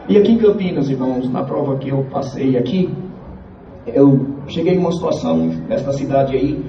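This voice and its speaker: A man from Piauí, giving a church testimony to the congregation in an earnest, halting way and repeating his phrases. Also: medium pitch, a little hiss or hum. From Piauí, Brazil. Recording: echoey, distant, dull church recording.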